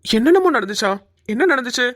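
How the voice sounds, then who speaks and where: A woman doing a silly excitable cartoon husband. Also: fairly high pitch, quick pace, dry recording, studio quality. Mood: comic. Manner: excitable, rambling comic delivery. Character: silly talkative young husband, easily confused. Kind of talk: cartoon voice acting.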